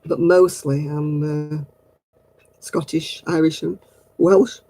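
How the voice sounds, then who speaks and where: A middle-aged man hosts a casual craft livestream, answering viewer comments in a giggly, rambling manner. His voice is fairly high and dark in tone, with a flat, slow delivery, and the recording is rough.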